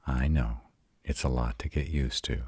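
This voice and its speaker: In this heavily acted roleplay recording, made dry, a man voices a self-assured vampire patiently helping a mate who was just turned. His very deep, husky voice stays steady and a little mellow as he speaks softly, closely, and deliberately to reassure her.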